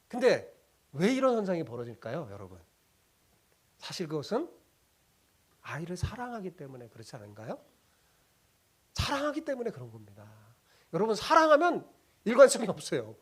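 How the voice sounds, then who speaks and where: A man's voice: sits high, breathy edge. A middle-aged man from South Korea, a pastor preaching a sermon with rhetorical questions and acted-out quotes.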